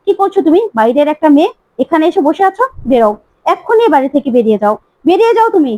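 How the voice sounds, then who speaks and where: A woman's voice: high voice, expressive, fast talker. A woman doing a furious defiant bride-to-be. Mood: angry, defiant. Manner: shouting, defiant. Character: angry rebellious young bride-to-be.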